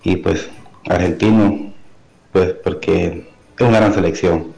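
A man's voice: low voice, steady tone, a little slow, vocal fry, a little mellow, low-quality recording. A man calling into a radio show over the phone, making a laid-back, teasing comment. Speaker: caller. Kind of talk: call-in comment. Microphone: phone call.

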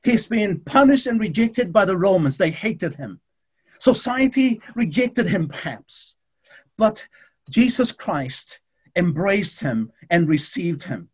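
A male preacher delivering a fervent sermon, addressing the congregation directly, with shifting pace and dramatic pauses. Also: high voice, big pitch swings, breathy edge.

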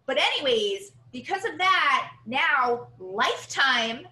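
A woman's voice: high-pitched, sing-song, slow, sharp tone. Chatty, giggly woman co-host in an echoey room. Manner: chatty and giggly, with loose asides. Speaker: podcast co-host. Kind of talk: casual chat.

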